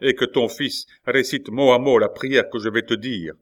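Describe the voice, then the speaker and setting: A man's voice: low-pitched, animated, measured pace. A man voicing a fierce young swordsman in an audiobook, scornful and commanding in tone. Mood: ruthless.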